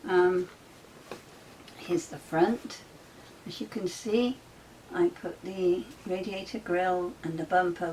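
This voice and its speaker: A woman hosting a casual crafting tutorial, soft-spoken and chatty with frequent ums, often dropping to a near whisper while she works. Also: medium pitch, a little hiss or hum, rough recording.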